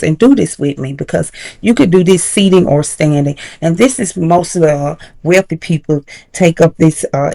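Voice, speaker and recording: A woman teaching confidence habits in a casual, encouraging way, slowing down to stress key points. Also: low voice, gravelly, dark tone. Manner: casual, encouraging, slows down for emphasis. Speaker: confidence coach. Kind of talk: motivational tutorial.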